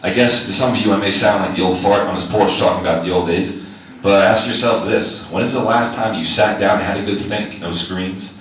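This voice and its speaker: A male teacher, fairly quick and low-voiced with fairly even intonation, reads aloud a personal essay of his own for a live audience. Wry asides and direct questions to listeners keep it conversational, while the very echoey hall, distant mic and faint noise color the sound.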